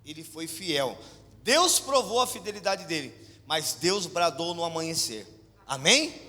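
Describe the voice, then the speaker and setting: A middle-aged man with a Brazilian Portuguese accent preaches in a high, ringing voice. He tells his story dramatically, dropping to near whispers and then calling out, and has the congregation answer back. A long church hall reverb trails each phrase. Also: unhurried. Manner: animated storytelling, swings from hushed to shouted; leads congregation call-and-response. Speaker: pastor. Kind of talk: sermon.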